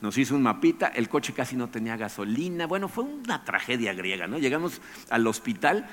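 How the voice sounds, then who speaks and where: A man tells a personal story at a quick clip, his voice in a middle register. He is animated and keeps tagging phrases with "¿no?". The sound has a long reverb tail, as if he speaks in a large hall. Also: medium pitch. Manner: animated, tags phrases with "¿no?", chuckles often. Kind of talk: anecdotal storytelling to an audience.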